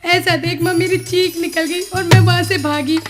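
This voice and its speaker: A woman's voice: extremely high pitch, fairly even intonation, moderate pace, music in the background. A young woman playing a cruel, scheming sister-in-law who snarls threats in a rural film. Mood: fake tearful. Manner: snarling threats, fake tearful whining. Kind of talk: rural Hindi film acting.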